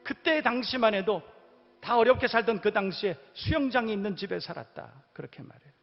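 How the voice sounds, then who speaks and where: A man's voice: high voice, expressive, a little fast, vocal fry. A man preaching a sermon as pastor, moving from storytelling to emphatic exhortation. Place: church sanctuary. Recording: long hall reverb, dull lo-fi sound, faint music.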